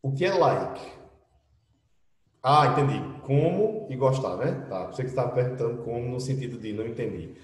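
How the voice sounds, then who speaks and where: An expressive, mid-range voice at normal speed comes from a middle-aged man with a Brazilian Portuguese accent teaching English online. He explains in a chatty way full of tag questions, captured by a computer mic from a distance with roomy echo.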